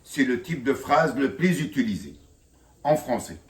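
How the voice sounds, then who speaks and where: Slow, lively-voiced French teacher. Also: male voice, medium pitch. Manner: slow, explanatory, repeats "bien sûr" often. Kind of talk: classroom grammar lesson. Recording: roomy, from far off the mic.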